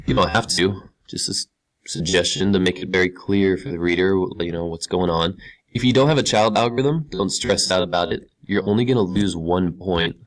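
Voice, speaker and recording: A man's voice: deep voice, a little fast. A male teacher talking casually through each step of a screen-recorded tutorial, repeating key words for emphasis. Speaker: computer science teacher.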